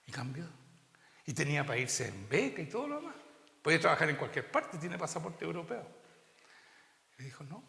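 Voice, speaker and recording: Gravelly Chilean preacher in a roomy hall. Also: male voice, on the high side, sing-song, brisk, long pauses, pushed and bright. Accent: Chilean Spanish. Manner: preaching with rhetorical questions to the congregation. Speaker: pastor. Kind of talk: sermon. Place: church. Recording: roomy church hall reverb.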